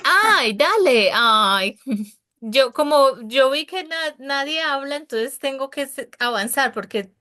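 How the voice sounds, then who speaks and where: Slow-talking encouraging woman teacher. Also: high-pitched, pushed and bright. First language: Spanish. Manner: patient, encouraging, explains step by step. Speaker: English teacher. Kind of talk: online class teaching. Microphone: video call.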